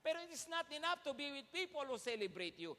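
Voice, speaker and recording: A man's voice: very high voice, very animated, fast, bright, forceful tone. A man preaching a sermon as pastor, emphatic, calling out "Amen?" to the congregation and switching between Tagalog and English. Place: large church hall. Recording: long hall reverb.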